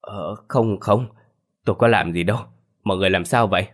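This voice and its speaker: A man's voice: deep voice, fairly quick. A man voicing a bewildered older village man who stammers and denies everything. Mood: flustered. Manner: stammering, hesitant. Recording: faint background music.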